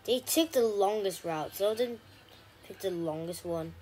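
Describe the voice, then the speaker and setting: A woman giving casual gameplay commentary, chatty with frequent ums and sudden excited shouts. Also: mid-range voice, unhurried, husky. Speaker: gaming channel host.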